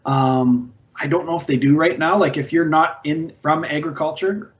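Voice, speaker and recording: A man's voice: a little high, steady tone, normal speed. A man in his forties speaking on a video call panel about ag technology, conversational, with many fillers and restarts. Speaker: ag tech company representative. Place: indoors, virtual background. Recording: dull lo-fi video call audio.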